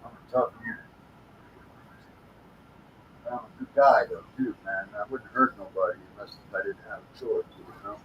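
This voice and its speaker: A man's voice: lowish voice, a little fast, dull audio, a little hiss or hum. A man talking casually on his livestream, blunt and frustrated, swearing heavily. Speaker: livestream host.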